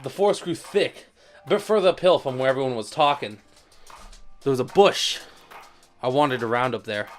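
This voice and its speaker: A man's voice: mid-range voice, normal speed, pauses often, faint music behind. A young man playing a game on camera, reading its story text aloud with a dramatic touch and crude jokes in between. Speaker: let's play gamer.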